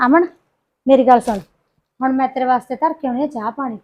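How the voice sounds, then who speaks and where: In a short film's family drama, a woman plays a talkative, scheming village sister-in-law, speaking briskly in a high, darkish-toned voice with a Punjabi accent. She is chatty and coaxing, gossiping and slipping in scheming asides, and the recording is rough.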